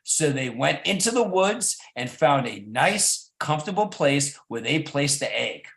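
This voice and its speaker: A man reading a children's story aloud as a storyteller, with an animated, coaxing manner. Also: fairly high pitch, a little slow, vocal fry. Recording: echoey room.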